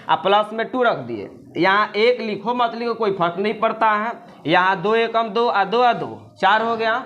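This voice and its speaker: High-voiced science tutor quizzing students. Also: male voice, a bit bright. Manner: asks the class questions and answers them himself, repeating key terms. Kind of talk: classroom chemistry lesson.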